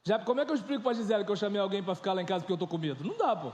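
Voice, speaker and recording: A man in his thirties preaching an informal, joking sermon, swinging between loud and soft. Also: high voice, expressive, very fast, echoey room. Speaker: pastor.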